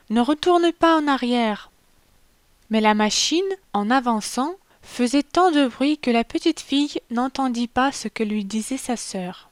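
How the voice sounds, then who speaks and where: A woman narrates a short tale in a steady, unhurried storytelling voice. Her pitch sits slightly on the high side, and the sound is dry and close, with no room around it. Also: no echo.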